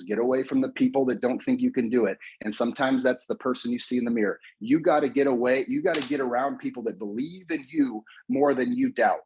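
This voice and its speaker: Husky-voiced American man giving a pep talk. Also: mid-range voice, dull audio. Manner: energetic, repetitive, coaching. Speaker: motivational speaker.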